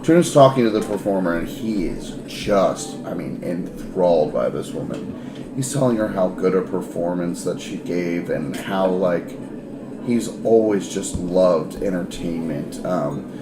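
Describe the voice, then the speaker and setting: Slow-talking male game master. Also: low-pitched, lively intonation, background noise. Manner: casual, many fillers like um and you know. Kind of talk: narrating a tabletop game. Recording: roomy echo with music behind.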